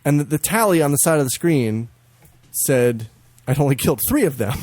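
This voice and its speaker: A man chatting on a podcast with a fairly high, very lively voice that leaps around as he acts out games in squeaky voices. He laughs a lot and swears casually. The sound is dry and close. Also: normal speed, no echo. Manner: animated, mimics games in high silly voices. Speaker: podcast co-host. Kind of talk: casual chat.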